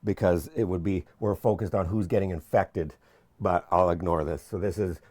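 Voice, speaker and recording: A man's voice: sits low, fairly even intonation, normal speed, a little mellow. A young man explaining his PhD research in an informal whiteboard lecture, chatty and jokey, often restarting his sentences. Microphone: camera mic.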